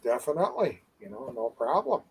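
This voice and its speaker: A man's voice: medium pitch, sing-song, a little fast, husky, low-quality recording. A middle-aged man co-hosting a live online show, chatting in an easygoing, rambling way with many uhs. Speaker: co-host of a live advocacy show. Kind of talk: casual chat.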